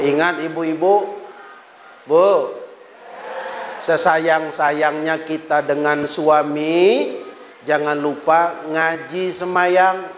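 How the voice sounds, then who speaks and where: A man's voice: high voice, a little hiss or hum. A man preaching a humorous village sermon, teasing the audience and slipping into sing-song rhymes. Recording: echoey hall, dull lo-fi sound.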